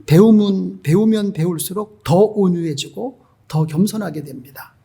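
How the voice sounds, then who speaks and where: A man's voice: high-pitched, normal speed, warm tone, slightly rough. A male pastor preaching an emphatic sermon and putting rhetorical questions to the congregation.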